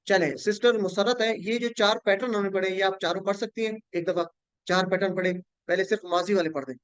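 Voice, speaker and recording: A man's voice: high-pitched, steady tone, a little fast, fairly bright tone, clean tone, dry recording. A man teaching an online class, patiently drilling word patterns with his students.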